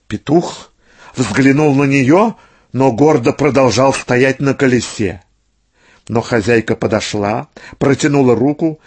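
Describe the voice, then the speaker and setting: Male narrator, husky voice, lively pitch, slow pace, faint music behind. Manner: slow, measured storytelling. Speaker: storyteller. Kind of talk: scripted fairy-tale narration.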